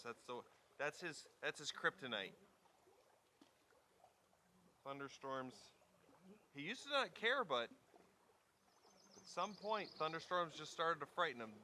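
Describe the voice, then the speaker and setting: A man vlogging casually from a wilderness campsite, chatting in a relaxed way and gently coaxing his dog. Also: mid-range voice, a little hiss or hum. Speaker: outdoor vlogger. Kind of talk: casual vlog narration.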